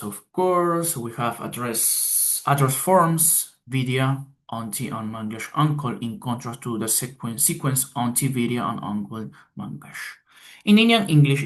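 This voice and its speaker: A man presenting a class talk, reading his slides aloud haltingly, with pauses and restarts. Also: mid-range voice. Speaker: student presenter.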